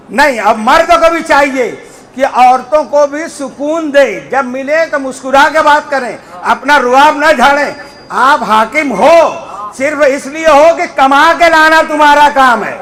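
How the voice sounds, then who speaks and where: A man preaching a Muharram majlis sermon to a gathering, impassioned, at times shouting and chanting Arabic phrases in a drawn-out way. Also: extremely high pitch.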